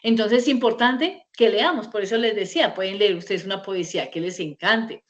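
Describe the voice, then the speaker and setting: A woman's voice: mid-range voice, normal speed, lo-fi sound. Chatty woman teaching a web class. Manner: conversational, many fillers and rhetorical "¿sí?". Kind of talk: online class lecture. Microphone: video call.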